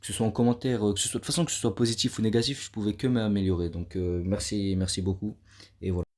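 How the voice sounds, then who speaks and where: This fairly low, fairly even, slightly mellow male voice moves fast as he reviews an anime for his YouTube channel. The vlog is casual and slangy, full of relaxed, self-deprecating asides, with clear music running beneath.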